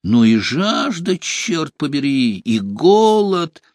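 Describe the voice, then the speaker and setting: A man's voice: on the high side, very animated, slow pace, no echo, studio quality, pitched above the performer's own voice. A man voicing a stout, greedy male halfling merchant who talks in a coarse, blustering way.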